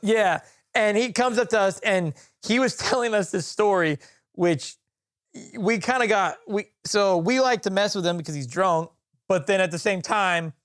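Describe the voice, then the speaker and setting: A man co-hosting a podcast, chatting in a relaxed way and adding to a shared story. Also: high voice, moderate pace. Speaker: podcast co-host. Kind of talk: casual chat.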